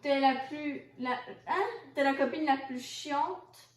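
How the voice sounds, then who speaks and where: Young woman vlogger, high voice, teasing + giggly, kinda far from the mic, echoey room. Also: slow. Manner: teasing, laughs often. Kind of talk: casual chat. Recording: roomy and distant from the mic.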